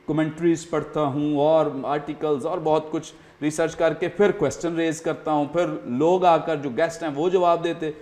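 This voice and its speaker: Guy hosting a studio talk show, earnest, lots of um and like, voice on the higher side. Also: steady tone, hardly any pauses, darkish tone. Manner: earnest, explaining with many fillers. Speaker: host.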